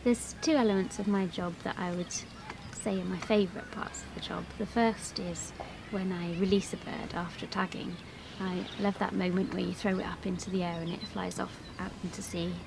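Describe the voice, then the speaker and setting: A woman's voice: on the low side, fairly even intonation, normal speed. A woman in her thirties, a scientist explaining her field work in an outdoor interview. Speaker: seabird scientist being interviewed. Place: open grassy coast, outdoors. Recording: clear background noise outdoors.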